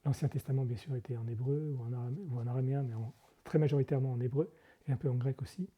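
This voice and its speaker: A man's voice: medium pitch, fairly even intonation, very fast, warm tone, slightly rough. A monk being interviewed, explaining things carefully and often hesitating, correcting himself as he goes. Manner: explanatory, hesitant with frequent fillers and self-corrections. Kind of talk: conversational interview.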